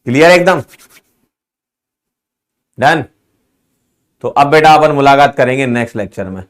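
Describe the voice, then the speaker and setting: A man's voice: mid-range voice, lively intonation, measured pace. A male chemistry teacher wrapping up an online lecture, chatting casually and joking with his students, laughing often. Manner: playful, joking, laughs often, calls students 'beta' and 'bhai'.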